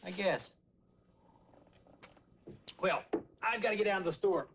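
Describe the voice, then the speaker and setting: An actor playing a baffled, gullible middle-aged sitcom dad with an American accent, talking in a puzzled, folksy way. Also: male voice, high voice, measured pace, highs cut off. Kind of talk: sitcom acting. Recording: noisy 1980s TV with loud studio audience.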